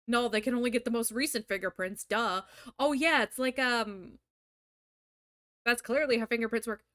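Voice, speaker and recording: High-voiced, foul-mouthed streamer woman. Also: moderate pace, a bit bright, no room sound, studio quality. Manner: crude, joking asides mixed with narration. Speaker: VTuber streamer. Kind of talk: live-streamed visual novel reading with commentary.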